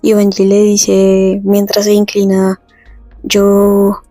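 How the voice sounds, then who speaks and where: A woman's voice: mid-range voice, completely flat delivery, dark tone, no echo, faint music behind. Dry-voiced woman recapping a comic. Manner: chatty, reads lines slowly. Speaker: narrator retelling a comic. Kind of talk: casual comic recap with read-out dialogue.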